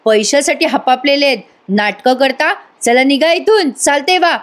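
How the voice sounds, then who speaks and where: A woman's voice: high-pitched, normal speed, voice pushed up, natural voice. A woman voicing an arrogant, scheming young woman who talks harshly and scornfully.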